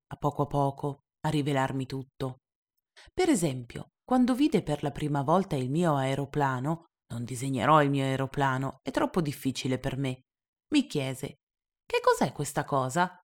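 A woman reading a storybook chapter aloud in calm, even first-person narration. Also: sits low. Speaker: reader.

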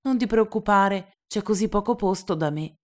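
A woman reading aloud and voicing a curious, gentle little boy from another planet who asks earnest, wondering questions. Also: mid-range voice, moderate pace, voice pushed up, close to an everyday voice. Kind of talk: storybook reading.

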